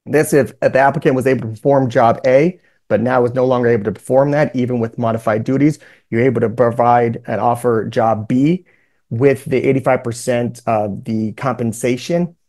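Male webinar presenter, medium pitch, explanatory legal lecture with informal asides, video-call mic. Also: steady tone, moderate pace, a little mellow. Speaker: presenter, workers' compensation lawyer.

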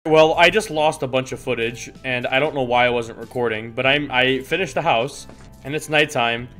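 A man giving casual, excitable gameplay commentary, exclaiming and swearing at what he comes across. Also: mid-range voice, normal speed, soft background music. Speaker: gamer.

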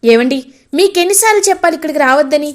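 A woman's voice: sits high, lively intonation, fast. A woman voicing a young woman who is flustered yet firm as she turns aside a suitor.

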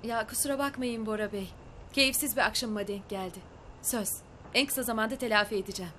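A woman's voice: fairly high pitch, fairly quick, a little hiss or hum. A young actress playing an earnest, outspoken young woman in a TV drama. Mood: apologetic, grateful. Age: young adult. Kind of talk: TV drama acting. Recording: loud music behind the dialogue.

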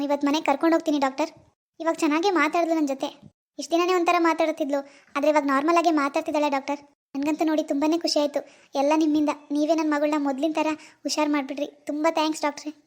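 A woman doing a caring cartoon mother with a very high voice that moves quickly. She coaxes and comforts her daughter gently. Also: close to an everyday voice.

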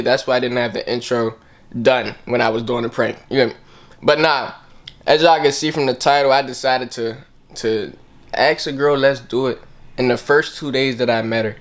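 A young man hosting a prank vlog, talking in a slangy, laid-back, teasing way. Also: medium pitch. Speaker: prankster vlogger. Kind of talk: casual vlog talk. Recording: noisy car interior.

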